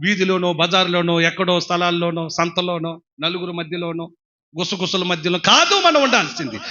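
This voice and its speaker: A male preacher delivering a sermon, swinging between shouted exhortation and hushed pleading, calling the congregation to give praise. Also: sits high, highs cut off.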